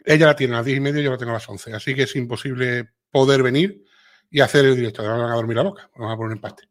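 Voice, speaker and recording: A middle-aged man from Seville speaks with a clear Andalusian accent, hosting a relaxed livestream. His voice sits at an ordinary, middle pitch. He chats loosely, reads viewers' comments aloud, and peppers his talk with little tag questions. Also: very fast. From Seville, Spain. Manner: chatty, reads viewer comments aloud, frequent filler tags. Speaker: livestream host. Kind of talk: casual live chat with viewers.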